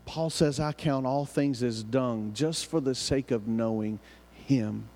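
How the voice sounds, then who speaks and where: A man's voice: medium pitch, slow pace, darkish tone. A man with a Southern US hillbilly accent preaching a sermon with emphatic repetition and rhetorical questions. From southern United States. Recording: reverberant hall.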